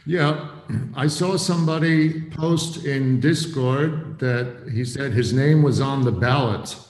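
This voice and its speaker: A man, a member of the co-op, asking measured questions during an online meeting. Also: mid-range voice, darkish tone. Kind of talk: casual online meeting talk. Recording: roomy echo with a long tail.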